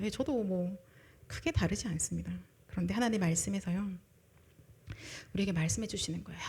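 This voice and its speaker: Woman preacher, kinda husky, highish voice, goes soft then loud, acts out what people say. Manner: swings between loud emphasis and soft, breathy asides. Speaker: preacher at a young adults' service. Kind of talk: sermon.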